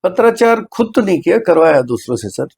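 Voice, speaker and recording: Fairly quick and sing-song, this high-pitched, darkish voice carries vocal fry and a breathy edge. It's a middle-aged hospital medical superintendent answering an interview earnestly and deferentially while mixing English phrases into his speech.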